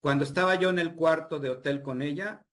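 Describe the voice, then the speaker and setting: A man's voice: a little high, fairly quick. A man casually telling a personal story, animatedly acting out the dialogue with frequent fillers. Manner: animated retelling with quoted dialogue, many fillers. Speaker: guest storyteller.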